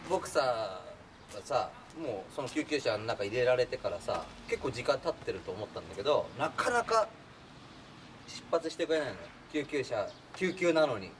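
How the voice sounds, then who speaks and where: Guy telling a funny story, pitch jumping all over, mic kinda far, noisy room behind. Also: moderate pace. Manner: animated, acts out voices in the story, laughs while telling. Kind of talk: casual anecdote telling. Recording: distant mic with clear background noise.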